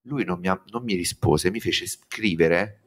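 Low-voiced man telling animated stories. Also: unhurried, breathy edge. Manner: animated storytelling, swears freely. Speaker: guest commentator. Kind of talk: casual chat.

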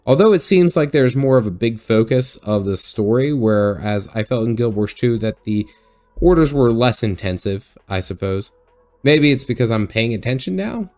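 A man's voice: on the low side, darkish tone. A man narrating a recap of his own game session, sarcastic and joking, often laughing at the game. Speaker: gaming video host.

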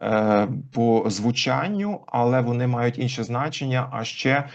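A man as an interview guest, explaining language history thoughtfully with frequent pauses. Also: medium pitch. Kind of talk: conversational interview. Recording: dull lo-fi recording.

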